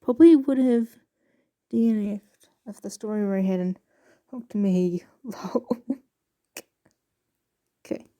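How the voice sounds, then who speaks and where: A woman casually reading passages aloud with a halting, stumbling delivery and soft asides. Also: medium pitch. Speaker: video creator reading excerpts aloud.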